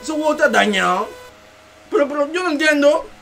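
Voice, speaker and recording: A man giving let's-play commentary, excitable, yelling and taunting the game monster. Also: very high-pitched, a little fast, vocal fry, a little hiss or hum. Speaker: gamer host.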